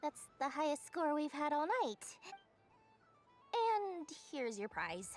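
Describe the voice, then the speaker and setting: A very high, swooping female voice plays a money-loving game merchant. She works the stall like a wheedling sales clerk, with theatrical patter. Music plays behind her. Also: very animated, takes it slowly, darkish tone, exaggerated voice. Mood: salesy. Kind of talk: video game voice acting. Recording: background music.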